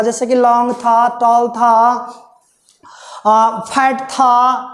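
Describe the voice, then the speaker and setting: High-voiced woman teaching in an echoey room. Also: a little mellow. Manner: patient, repeats points, asks and answers own questions. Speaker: English teacher. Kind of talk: classroom grammar lesson.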